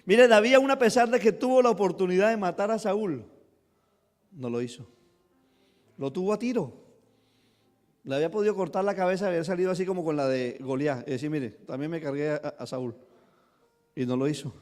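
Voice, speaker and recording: A man with a high voice preaches a sermon, jumping to loud emphasis and quick acted asides. His voice rings through a church hall with a long reverb. Faint music plays underneath. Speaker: pastor.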